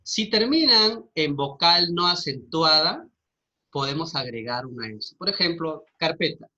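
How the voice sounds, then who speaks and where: A man's voice: fairly high pitch, bright, forceful tone, muffled recording. A male teacher giving a grammar lesson, explaining step by step and often checking with his students. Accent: Peruvian Spanish.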